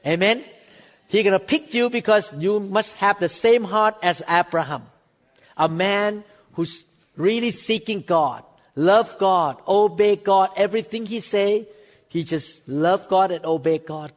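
A man in his sixties, from Thailand, preaching a sermon with emphatic, drawn-out phrases and sudden rises in pitch. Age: 60s. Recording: dull sound with long hall reverb.

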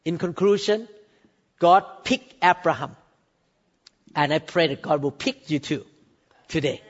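A man in his sixties, from Thailand, preaching a sermon with emphatic, drawn-out phrases and sudden rises in pitch. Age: 60s. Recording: dull sound with long hall reverb.

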